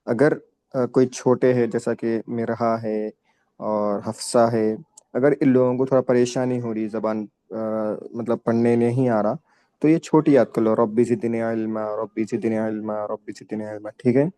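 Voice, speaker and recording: Guy teaching kids quran letters, slow stretched sounds, mellow and dry. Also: medium pitch, fairly even intonation, dry recording. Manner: slow, drawn-out letter pronunciation with patient explanations. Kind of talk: online tajweed class for children.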